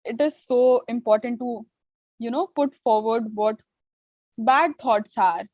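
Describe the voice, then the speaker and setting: A young adult woman, a native Hindi speaker, hosts an interview over a video call, sounding warm, affirming and thoughtful. Her voice sits on the high side and she speaks slowly, her phrasing hesitant and full of fillers. There is no room sound.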